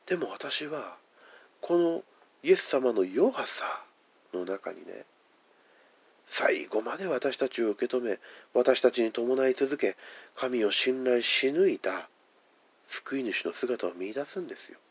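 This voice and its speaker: A man preaching a sermon. He stresses key words by slowing down, then lets his phrases fall away to a hush. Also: medium pitch, animated, slightly rough. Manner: emphatic, drawn-out phrasing with soft, hushed endings. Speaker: pastor.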